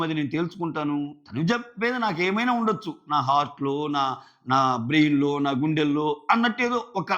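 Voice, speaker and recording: A man, talking in a slightly high voice, reviews a show in loose casual commentary. He keeps slipping into quoted lines from the people he discusses. The sound is dull and lo-fi. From India. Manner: animated, acts out quotes of others.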